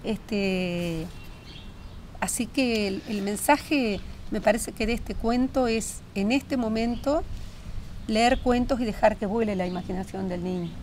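A woman's voice: medium pitch, unhurried, darkish tone, a little hiss or hum. A woman co-hosting a storytelling show, talking in an emphatic way and often finishing her partner's sentences. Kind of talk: casual studio chat.

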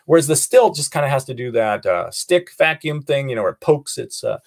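An American man teaching a nature class in a playful, animated way, asking the class questions as he goes. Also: medium pitch, a little fast, gravelly. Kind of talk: online class lesson.

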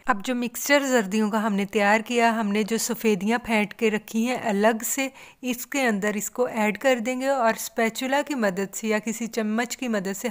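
A woman hosting a cooking channel, giving a patient step-by-step recipe voice-over and repeating the key steps. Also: on the high side. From South Asia.

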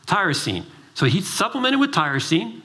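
Middle-aged guy doctor on stage at a summit, pitch jumps all over, tells stories and acts out the dialogue. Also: moderate pace. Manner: animated storytelling, acts out dialogue; driven, emphatic. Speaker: doctor giving a conference talk.

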